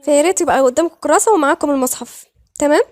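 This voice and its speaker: A woman with an Egyptian accent teaching Quran recitation rules, patiently repeating words slowly syllable by syllable. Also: high voice, darkish tone. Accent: Egyptian Arabic. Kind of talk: tajweed lesson, slow recitation.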